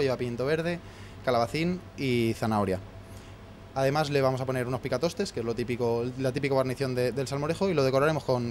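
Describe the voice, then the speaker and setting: Fast-talking chef, thirties, restarts often, kitchen, handheld mic, faint noise. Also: male voice, medium pitch, darkish tone. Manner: fast, many restarts and fillers while listing ingredients. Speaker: head chef. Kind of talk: explaining a recipe on camera. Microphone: handheld mic held by interviewer.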